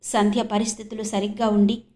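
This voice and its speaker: A woman from Andhra Pradesh narrating an audio novel with measured, expressive storytelling. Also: medium pitch. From Andhra Pradesh, India.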